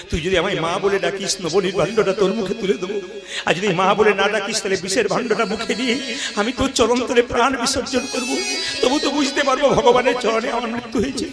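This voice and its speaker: Male storyteller playing a repentant queen; quiet, pleading lines over music. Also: high voice, fairly even intonation, a little fast, natural voice. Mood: remorseful pleading. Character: scheming queen, later remorseful.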